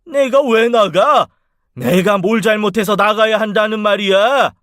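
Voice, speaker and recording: Guy doing a bullying old dad, high strained voice, harsh and scornful, dry sound. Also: measured pace, a bit bright, no room sound. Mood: furious. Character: hot-tempered bullying aging father, shouting. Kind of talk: radio drama acting.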